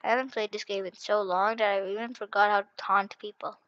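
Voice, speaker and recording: A young woman commentating a hide-and-seek video game in a frantic, excitable way, repeating herself and dropping to whispers when hiding. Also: mid-range voice, brisk, no echo, dull audio. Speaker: gaming channel host.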